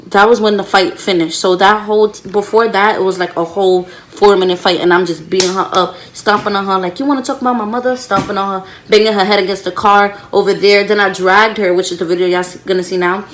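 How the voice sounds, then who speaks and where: A woman's voice: medium pitch, fairly bright tone. Young woman vlogger, storytime, casual and slangy, acts out the quotes. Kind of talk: storytime vlog.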